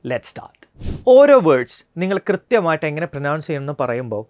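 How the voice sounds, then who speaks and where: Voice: mid-range voice, very animated, a little mellow, dry recording, studio quality. Malayali English teacher, careful pronunciation drills. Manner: slow, careful model pronunciations of words; explains mouth and lip positions while demonstrating. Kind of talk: pronunciation lesson.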